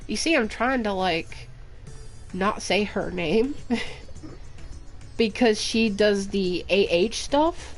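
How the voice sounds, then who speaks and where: A woman game streamer talks in a slow, unhurried way. She chats and gossips casually as she plays, with faint game music in the background. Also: medium pitch, animated. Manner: chatty, gossipy, slow-spoken. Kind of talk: casual chat while playing.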